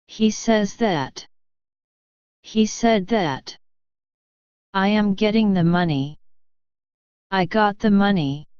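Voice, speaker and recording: A woman reading practice sentences aloud one by one for a lesson, slow and deliberate. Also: mid-range voice, darkish tone, clean tone, no echo. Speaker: pronunciation model reader. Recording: dull dry lo-fi audio.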